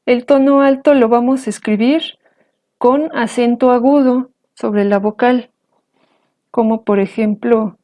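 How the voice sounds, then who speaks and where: Woman teacher, fairly high but mellow voice, patient, careful delivery. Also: fairly even intonation. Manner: slow, careful, patient explanation. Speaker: language teacher. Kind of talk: explaining and pronouncing example words.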